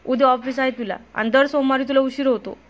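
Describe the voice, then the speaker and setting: Soft loving young wife woman voicing her, tender, high voice, kinda lo-fi. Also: fairly even intonation, fast talker, close to an everyday voice.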